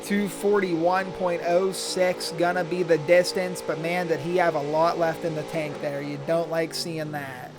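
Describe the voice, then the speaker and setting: A man's voice: fairly high pitch, level tone, a little slow, few pauses, music in the background. A man commentating as a tractor pull announcer, introducing drivers and calling out runs and distances. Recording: loud engine and vehicle noise. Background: vehicle and engine noise.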